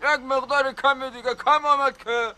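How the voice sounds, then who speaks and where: An actor in a sitcom, in full character voice, portrays a lovestruck, boastful caretaker who is in love with a young woman, dotes, waxes flowery about love and calls people "baba jan." The voice is very high, bright and forceful with fairly even intonation, recorded poorly.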